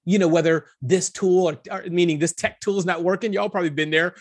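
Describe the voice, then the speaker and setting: Husky, animated male podcast guest. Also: high-pitched, fast talker. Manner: animated, self-deprecating, lots of restarts. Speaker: guest entrepreneur. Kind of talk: casual podcast interview.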